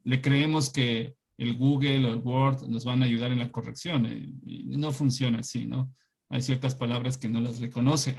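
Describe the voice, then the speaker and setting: A man's voice: mid-range voice, gravelly, darkish tone, breathy edge. A middle-aged man from Ecuador teaching an online class, telling anecdotes in a chatty way and often asking "¿no?".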